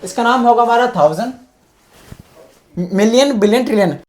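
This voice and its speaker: Woman, maths teacher, step-by-step explaining, fairly high voice. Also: lively intonation, normal speed, a little mellow. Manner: explains step by step, often checks with "clear?". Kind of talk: classroom-style math lesson.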